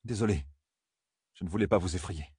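Audiobook character voice, man playing a stern young channeler, commanding, clipped, husky, dry recording. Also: medium pitch, a little fast, no echo, voice pushed up, lightly acted. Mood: apologetic.

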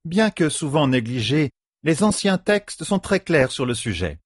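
A determined scholarly woman lectures her peers like a professor before a class, as a male audiobook narrator puts her on. The voice sits well above his own and swings widely, with a slightly husky edge. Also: on the high side, big pitch swings, a little slow, no room sound, clean studio sound, pitched above the performer's own voice, heavily acted.

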